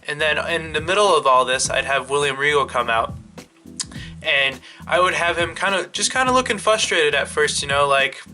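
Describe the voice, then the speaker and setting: A man's voice: fairly high pitch, normal speed, sharp tone, soft background music. A man hosting his own channel, chatting loosely through a wrestling storyline idea, full of "you know" and "like". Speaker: wrestling fan channel host. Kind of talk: casual fantasy-booking monologue.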